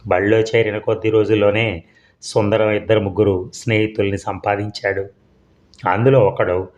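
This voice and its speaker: A man narrating a serial story for an audiobook in a steady, measured reading. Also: on the low side. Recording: dull lo-fi audio.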